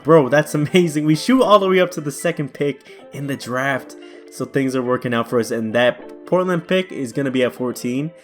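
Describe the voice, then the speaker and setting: A young man casually commentating a basketball video game, chatty and thinking aloud, with faint music behind him. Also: medium pitch. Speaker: gaming YouTuber.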